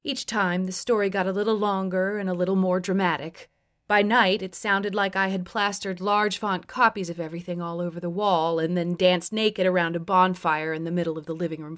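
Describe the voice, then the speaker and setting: A woman's voice: mid-range voice, a bit bright. Woman narrator, memoir audiobook, wry, blunt storytelling, mid-range voice.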